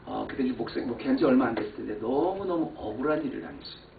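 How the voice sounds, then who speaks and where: A man preaching a sermon as pastor, telling a personal story and swinging from quiet asides to loud exclamations. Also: mid-range voice, lively intonation, rapid-fire, vocal fry, background noise. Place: church sanctuary. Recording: echoey church hall, far mic, phone-like band.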